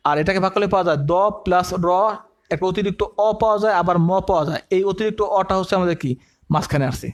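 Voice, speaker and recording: Quick high-voiced guy giving a coaching class, keeps quizzing students and answering himself. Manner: asks the class questions and answers them himself, repeats key terms; uses everyday comparisons to explain. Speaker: admission coaching teacher. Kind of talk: online lecture, dictating notes to students.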